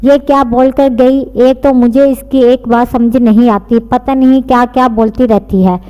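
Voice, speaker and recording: A woman's voice: a little high, fairly even intonation, moderate pace, dark tone, dull audio, lightly acted. A woman reading the lines of a curt, easily irritated young man in a scolding tone. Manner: stern, scolding. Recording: long reverb.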